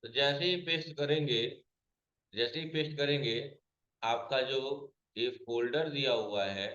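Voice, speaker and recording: A computer teacher gives a classroom lesson, repeatedly asking his students questions, answering them himself, and going over each key point again. His voice is mid-pitched, a bit bright, and a little slow. The room echoes and the highs are cut off.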